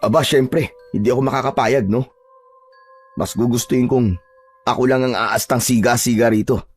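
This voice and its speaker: Man, first-person horror storyteller, blunt and tough-talking, slightly husky voice, faint background music. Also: medium pitch, moderate pace. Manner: blunt, tough-talking, wary, with short laughs.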